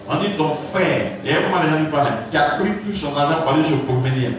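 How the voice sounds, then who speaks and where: A man preaching a sermon, telling stories and rising into exclamations. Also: quick pace. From Côte d'Ivoire. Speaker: pastor. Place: large church hall. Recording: booming echo from a distant mic, faint music.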